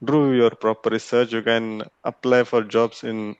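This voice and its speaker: Smooth, clear-voiced man, dry sound. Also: mid-range voice, little pitch movement, unhurried, dry recording, highs cut off. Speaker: guest. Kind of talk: casual advice on a video call. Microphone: video call.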